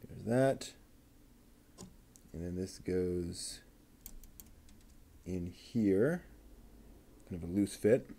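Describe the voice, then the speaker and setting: Speaking very slowly in a low, dark voice and pausing often, a man works through a model kit. The show host talks to himself as he goes, calling out part numbers in an offhand, running commentary.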